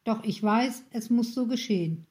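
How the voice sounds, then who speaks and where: Calm earnest jesus, woman reading him in a kids bible story, a bit high voiced. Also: normal speed, natural voice. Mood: reproachful. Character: calm grown man, the gentle teacher Jesus.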